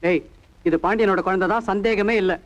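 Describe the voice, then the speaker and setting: An actor playing a doting young bachelor who fusses over a baby, in a 1991 film comedy. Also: male voice, high-pitched, steady tone, brisk, lo-fi sound, lightly acted. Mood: fussy. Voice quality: cooing, fussy.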